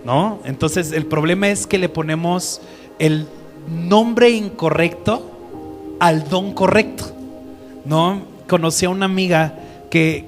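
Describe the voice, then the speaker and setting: A man teaching the Bible to a group in a conversational way, often asking them questions. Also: on the high side.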